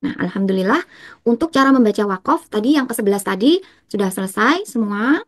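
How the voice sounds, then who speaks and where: A woman's voice: medium pitch, dry recording. Young woman, patient tajwid teacher, dry close sound. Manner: patient, repetitive explanation, slows to chant examples. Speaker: Quran recitation teacher. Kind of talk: explaining tajwid rules step by step.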